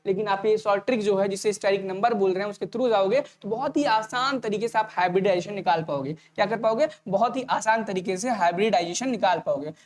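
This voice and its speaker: He teaches exam prep online in a high voice, speaking rapidly and talking straight to his students in a relaxed way. Every point gets repeated as a question that he answers on his own.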